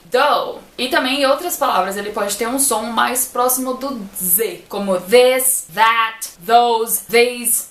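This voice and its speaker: A Brazilian woman teaching English pronunciation in a casual online lesson, lively and full of examples. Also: fairly high pitch, echoey room, slight background noise. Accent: Brazilian Portuguese.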